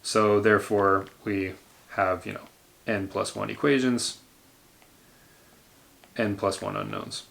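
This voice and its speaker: Gravelly-voiced man giving a university lecture. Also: fairly low pitch, level tone, takes it slowly, long pauses, fairly bright tone. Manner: explains step by step with many fillers and restarts. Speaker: engineering lecturer.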